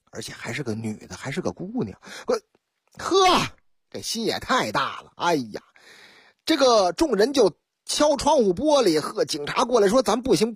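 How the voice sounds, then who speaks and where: Husky, lively woman radio host. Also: mid-range voice, no room sound. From Liaoning, China. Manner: chatty, dramatic, colloquial, acting out scenes. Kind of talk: storytelling news commentary. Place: radio studio. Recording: dry close studio sound.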